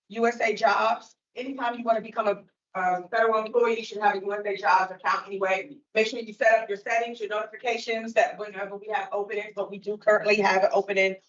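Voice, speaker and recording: A woman moderating a recruitment event, upbeat and quick to say "perfect" between speakers. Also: mid-range voice, recorded from a distance. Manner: upbeat, says "perfect" often. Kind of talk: casual public talk. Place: meeting room. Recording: echoey, muffled room from afar.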